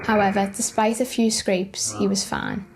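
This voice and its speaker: A woman's voice: mid-range voice, level tone, moderate pace, creaky, background noise. A woman reading scripted narration for light news video clips. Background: music.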